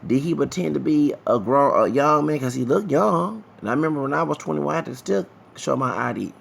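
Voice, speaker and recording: Gravelly man rambling to viewers. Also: a little high, lively intonation, brisk. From Texas, USA. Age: 30s. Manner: digressive, repeats himself, talks to viewers directly. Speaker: vlogger. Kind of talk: casual rambling commentary.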